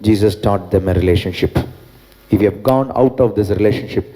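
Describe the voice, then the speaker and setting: Priest preaching in an echoing church. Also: male voice, fairly low pitch, extremely slow, dark tone. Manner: preaching with repeated refrains, switching into English. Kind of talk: sermon. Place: large church. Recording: long church reverb.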